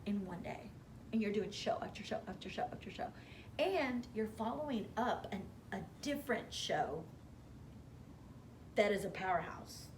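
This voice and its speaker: Woman, interview guest, hair stylist, animated storyteller, acts out quotes, mid pitch, faint background hiss. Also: moderate pace.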